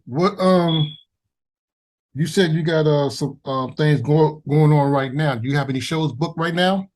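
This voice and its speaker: A man hosting a casual interview, heard over a remote call with fuzz distortion on his voice, talking haltingly with fillers. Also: fairly high pitch, darkish tone. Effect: fuzz distortion on the call line. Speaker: interview host. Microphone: remote call audio.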